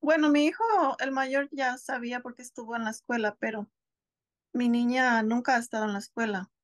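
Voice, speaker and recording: A woman in her thirties from Mexico who homeschools her kids talks in a casual interview over video, sitting on her couch at home. Her slightly high voice is fairly even and fairly quick, and though thoughtful, she hesitates and often restarts; the studio-quality audio has no echo.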